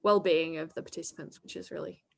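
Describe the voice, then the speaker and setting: A young woman, co-hosting a casual chat about relaxing media, bubbly and quick to laugh. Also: sits low, steady tone, creaky. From Australia. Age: young adult. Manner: bubbly, laughs often, says "like" a lot. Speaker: co-host.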